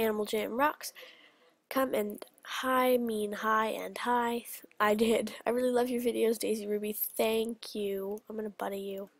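Bubbly chatty young woman with gravelly fry. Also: a little high, no echo. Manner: bubbly, chatty, quick gasps of delight. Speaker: channel host. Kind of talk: casual game commentary.

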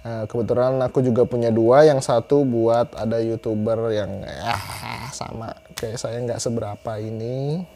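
A young adult man with a mid-range, slightly mellow voice gives a chatty product review to camera, repeating phrases for emphasis. He's a YouTuber reviewing gear in a small indoor room, recorded on a clip-on lapel mic.

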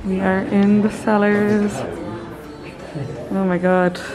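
A woman's voice: medium pitch, level tone, takes it slowly, over music, a crowd in the background, rough recording. A woman narrating a travel vlog in a chatty, gushing way, full of "like" fillers. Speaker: travel vlogger. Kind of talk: casual vlog narration to camera.

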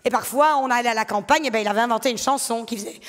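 A woman in her thirties with a Belgian French accent from the Liège area, telling stand-up stories on a theatre stage in an animated way and acting out voices. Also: a little high, racing. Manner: animated storytelling, acts out voices. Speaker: stand-up comedian. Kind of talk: stand-up comedy monologue. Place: theatre stage before a live audience.

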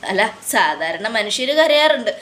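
A woman's voice: mid-range voice, sing-song, normal speed, fairly bright tone. A woman voicing a vengeful young man who mocks and accuses his enemy in a retold TV serial. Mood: mocking. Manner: mocking, accusing. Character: young man, vengeful and sarcastic toward villain.

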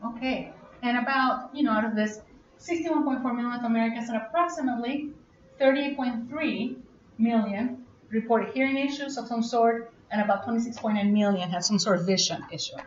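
A woman giving a live workshop presentation, chatty and quick to ask the audience questions. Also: on the high side, a little hiss or hum. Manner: chatty, asks audience questions, laughs often. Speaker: conference presenter. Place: conference room. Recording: echoey, muffled room recording.

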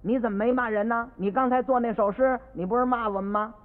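A man voicing indignant, bossy household stewards who talk loud and fast, heard on an old radio recording with long reverb. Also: very high-pitched, fairly even intonation, phone-quality sound.

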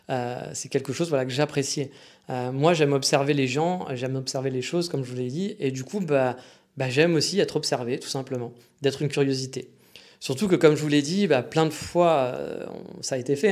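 A man's voice: medium pitch, a little mellow. Man, French accent, young adult, podcast host, casual chatty monologue, joking tone. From France. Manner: joking, chatty, many fillers and restarts.

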